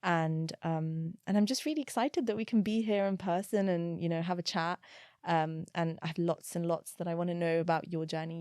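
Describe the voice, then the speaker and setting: Woman, podcast host, reflective, meandering, lower voice, dry close mic. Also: a little mellow, clean tone, dry recording. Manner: reflective, meandering, thinks aloud. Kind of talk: conversational interview.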